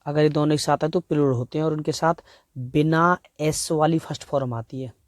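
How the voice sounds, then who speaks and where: A man with an Indian accent teaching an exam-prep grammar lesson, explaining step by step and reading example sentences slowly, word by word. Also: on the high side, steady tone, no echo, studio quality.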